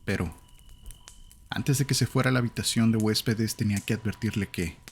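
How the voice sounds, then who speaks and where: Male narrator, low voice, Latin American Spanish accent, calm measured horror storytelling, faint hiss in the recording.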